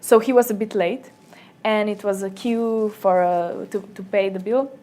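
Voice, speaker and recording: A young woman from Slovenia, speaking English as a second language, chatting as an interview guest and acting out little quoted exchanges with lively energy, recorded in a small office room. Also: normal speed. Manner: lively storyteller, acts out quotes in a higher voice. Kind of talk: casual interview chat.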